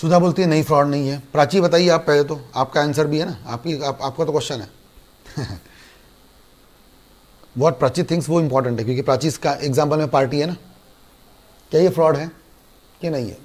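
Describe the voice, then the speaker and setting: Animated Indian male law lecturer. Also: fairly high pitch, a little fast, pauses often. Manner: animated, acts out student dialogues. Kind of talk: online class lecture.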